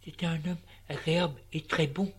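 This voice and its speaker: A woman's voice: deep voice, fairly even intonation, fairly quick, husky. A woman reading a story, voicing a naive young man who talks hesitantly and sounds flustered.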